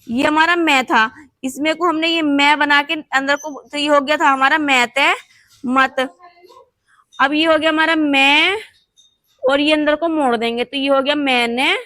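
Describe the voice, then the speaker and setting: A woman with a high, sharp voice teaches a shorthand class, recorded dry. Writing on a board, she patiently explains each step, repeating steps and checking in with the class using "thik hai."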